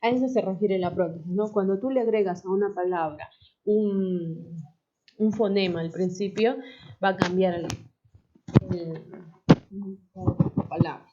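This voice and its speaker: A woman teacher with a mellow, medium-pitched voice explains a lesson a little slowly, pausing often. She stays patient and keeps checking in with the class, frequently adding the tag "¿no?" to her questions. The recording sounds dull and lo-fi.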